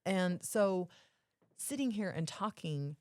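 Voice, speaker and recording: A woman's voice: lowish voice, expressive, slow pace, a little mellow, no echo. A woman co-hosting a podcast, explaining her points casually and emphatically, often rephrasing them. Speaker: podcast co-host.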